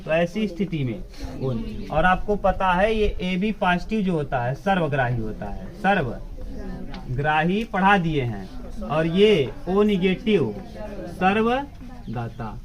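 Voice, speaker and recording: Higher-voiced male teacher explaining step by step. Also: big pitch swings, slow pace. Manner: asks and answers his own questions.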